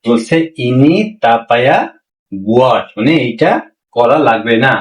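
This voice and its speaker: Repetitive male language teacher, roomy. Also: mid-range voice. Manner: repeats phrases slowly, asks the class rhetorical questions. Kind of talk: language lesson. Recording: roomy, mic far from speaker.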